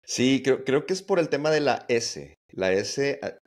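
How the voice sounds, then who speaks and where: A man with a Mexican Spanish accent hosting an interview, asking questions in a halting way that repeats words. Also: mid-range voice, sing-song. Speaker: podcast host. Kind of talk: conversational interview.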